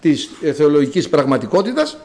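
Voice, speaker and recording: A man preaching a sermon as a priest, with dramatic rises and drawn-out words. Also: on the high side, big pitch swings, darkish tone.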